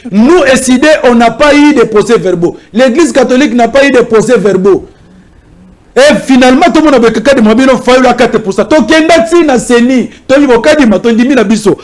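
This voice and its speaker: A man arguing politics as a talk show guest, animated and repeating himself as he presses his points. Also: very high-pitched. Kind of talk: heated political debate in French and Lingala.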